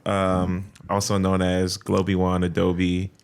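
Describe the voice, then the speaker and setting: A man guesting on a podcast, chatting casually with laid-back deadpan jokes. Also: low-pitched, takes it slowly, vocal fry. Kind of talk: casual chat.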